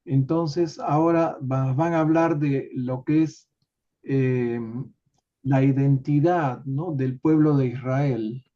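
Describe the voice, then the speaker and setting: A man leading an online study group, explaining a text in an unhurried way with many tag questions, over a video call. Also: medium pitch, steady tone, dark tone. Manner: unhurried, adds filler tags and restarts. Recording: dull lo-fi call audio.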